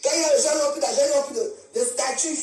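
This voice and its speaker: On a social media live stream, a woman from Cameroon rants angrily and confrontationally, going over the same points again and again. She speaks very fast in a high voice, recorded from afar and off the mic in an echoey room, with a loud crowd and faint music in the background.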